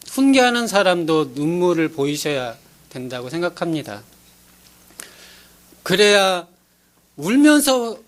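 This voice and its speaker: A man's voice: sits high, fairly bright tone. A male pastor preaching a sermon in an earnest, pleading way, acting out little scenes as he goes.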